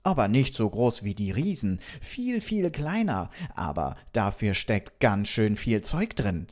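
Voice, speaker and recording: A man voices a friendly, inquisitive robot from another world, narrating a children's story and questioning the kids directly with lively energy. His voice leans low and moves at a measured pace.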